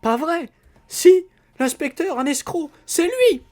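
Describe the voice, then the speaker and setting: A man's voice: sits high, animated, fast talker, pushed and bright, voice pushed up. A man voicing a frantic, panicked middle-aged wife who screams for help in a read-aloud story. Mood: hysterical.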